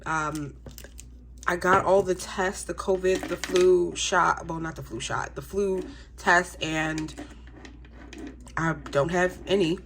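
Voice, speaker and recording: A young adult woman with a congested voice runs a budgeting YouTube vlog, talking to viewers in a relaxed, chatty way full of ums. Her pitch is fairly low, she speaks slowly with long pauses, and there's slight background noise.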